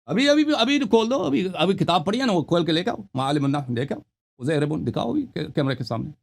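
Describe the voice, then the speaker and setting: A man's voice: on the high side, big pitch swings, creaky. A man hosting a heated call-in debate, insistent and repeating his demands while talking over the caller. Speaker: host.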